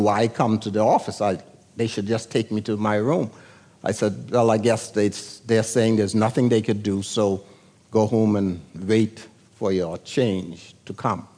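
An older man from the Bahamas, a pastor preaching a sermon and telling a personal story in a deliberate, storytelling way, acting out the voices he heard. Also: mid-range voice, a little mellow.

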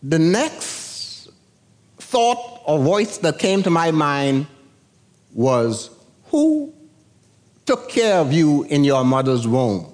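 Older pastor from the bahamas preaching, slow and deliberate, acts out the voices in his story. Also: fairly high pitch, very animated, a little mellow. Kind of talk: sermon.

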